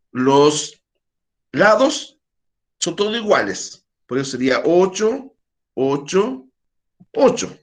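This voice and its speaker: Male math teacher on a video call, fairly high and animated, chatty, questions students. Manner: quizzes students, chatty asides. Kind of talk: virtual math class.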